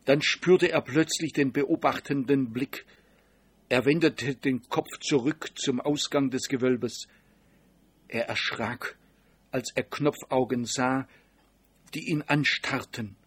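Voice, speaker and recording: A man narrating an audiobook in a steady, even storytelling manner. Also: mid-range voice, slow pace, husky.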